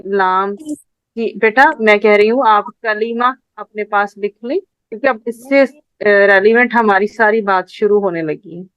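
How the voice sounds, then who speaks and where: Patient woman teacher, smooth voice. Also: mid-range voice, no echo, dull audio. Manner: patient, repeats points slowly for students. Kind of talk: online class lesson.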